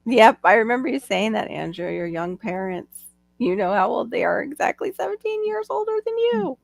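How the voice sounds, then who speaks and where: A woman's voice: fairly high pitch, sing-song, normal speed, gravelly, no room sound. A middle-aged woman hosting a livestream, chatting casually and laughing often. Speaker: livestream host. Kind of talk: casual chat. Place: home livestream. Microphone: video call.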